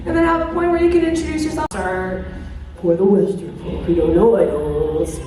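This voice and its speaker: A woman's voice: medium pitch, lively intonation, moderate pace, warm tone. A woman in her twenties giving a playful, teasing workshop talk as a convention guest and calling the audience babes. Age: 20s. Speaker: cosplay guest and workshop presenter. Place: convention panel room. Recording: very echoey room, speaker far from the mic.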